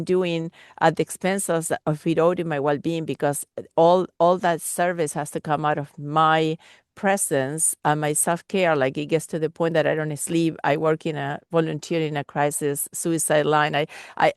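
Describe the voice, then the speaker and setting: A caller from Argentina earnestly asks a question during a live Q&A, searching and meandering with many restarts. Her voice is low and dry, with a clean tone and no room sound.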